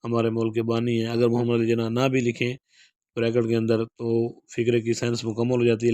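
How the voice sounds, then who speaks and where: A man's voice: mid-range voice, dry recording. A man, teaching an exam-prep lesson, reading each question and then explaining the answer. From Pakistan. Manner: steady explanatory delivery, reads question then gives answer. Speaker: Urdu lecturer. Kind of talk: exam prep lecture going through model paper answers.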